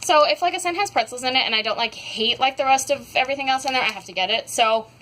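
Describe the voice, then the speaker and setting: A young woman chats casually at home about scented wax melts from her haul, rambling with plenty of ums and likes. Her voice is high-pitched and fairly bright, and she talks quickly. The audio is poor, with slight background noise.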